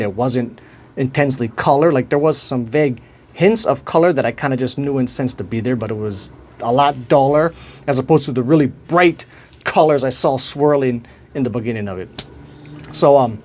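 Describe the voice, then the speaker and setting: A man with a Hawaiian accent hosts his own channel, chatting casually with viewers in vlog style. His voice is middle-pitched with a darkish tone, and he rambles and restarts while hunting for words.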